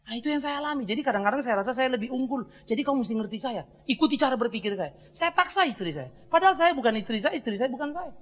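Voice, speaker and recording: A middle-aged man preaching a sermon as pastor, blunt and joking, swinging between soft asides and loud scolding. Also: very high voice, lively intonation, fast, hardly any pauses.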